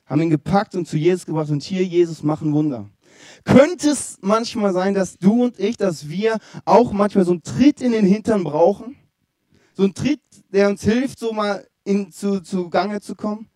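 A young male preacher delivering a sermon in a relaxed, conversational way. His voice sits a little high but sounds warm and mellow. He tells the story loosely and keeps turning to his listeners with questions. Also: moderate pace.

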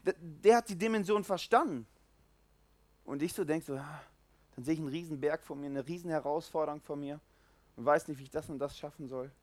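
A man gives a casual, animated sermon in a fairly high voice, recorded close and dry. He jumps between loud bursts and hushed asides, acting out the people in his stories. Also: a little fast, no echo. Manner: lively, animated, acts out quoted voices, swings loud and soft. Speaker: preacher. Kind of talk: informal sermon.

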